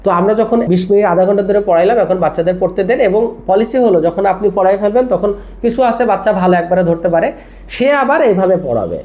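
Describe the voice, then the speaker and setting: A patient tajweed teacher, spelling each word letter by letter before drilling it slowly. The voice sits in a middle pitch. The recording sounds dull and lo-fi. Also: lively intonation, warm tone. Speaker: Quran reading teacher. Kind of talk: tajweed lesson for teachers of children.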